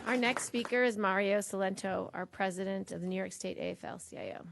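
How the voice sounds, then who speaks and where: A woman acts as emcee, formally reading out each speaker's name and titles. Her voice is gravelly and middle-pitched. A faint hiss runs under the recording. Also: brisk, crowd noise. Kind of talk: announcing speakers.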